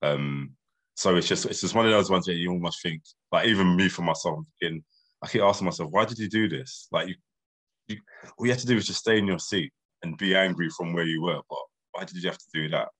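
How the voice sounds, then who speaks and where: A podcast co-host with an urban London roadman accent chats casually in street slang. He has a deep voice with a fairly bright tone and talks fast.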